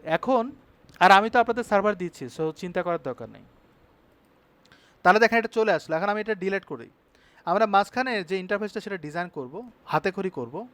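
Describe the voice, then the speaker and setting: Male instructor, high voice, brisk tutorial delivery with frequent check-ins to the class. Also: a bit bright, no room sound. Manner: brisk, checks in with students often. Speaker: web design instructor. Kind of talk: live online class tutorial.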